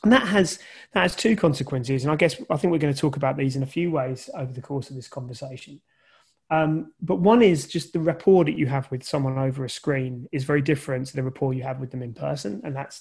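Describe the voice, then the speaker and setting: A man's voice: medium pitch, vocal fry, a little mellow, slightly rough. A man who teaches journalism, answering interview questions thoughtfully over a video call and often restarting his sentences. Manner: thoughtful, many restarts and fillers. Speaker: journalism lecturer.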